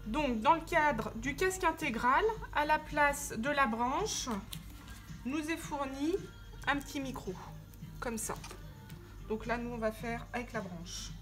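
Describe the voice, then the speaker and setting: With background music playing, a woman with a high, bright, expressive voice takes her time presenting a casual, hands-on product tutorial for a motorcycle gear channel. She walks through each step while handling the parts.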